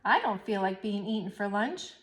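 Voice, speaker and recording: A woman's voice: mid-range voice, big pitch swings, moderate pace, fairly bright tone. A woman voicing a frightened middle-sized billy goat who stammers, in a storybook read-aloud. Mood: worried. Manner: stammering, trembling.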